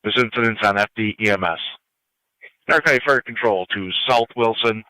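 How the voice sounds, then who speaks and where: A man's voice: fairly low pitch, moderate pace, sharp tone, low-quality recording. An American man working as a fire dispatcher, making urgent, clipped, procedural announcements over two-way radio. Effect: two-way radio transmission. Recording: fire scanner radio stream.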